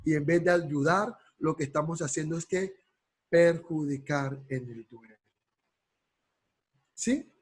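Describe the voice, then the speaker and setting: Husky, slow-spoken man lecturing a class. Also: a little high, rough recording. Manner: asks rhetorical questions and checks in with the class; slows right down to stress key words. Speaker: counseling course lecturer.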